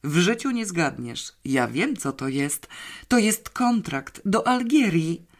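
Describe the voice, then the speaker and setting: An audiobook reader voicing an earnest, excitable young girl who often whispers. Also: medium pitch, measured pace. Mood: thrilled. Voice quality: breathy, whispering at times. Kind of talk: audiobook character voice.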